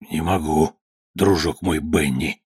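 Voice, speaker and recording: A man voicing a middle-aged farmer father who speaks in a low, grumbling, gruff way. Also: normal speed, a little mellow, dry recording, studio quality.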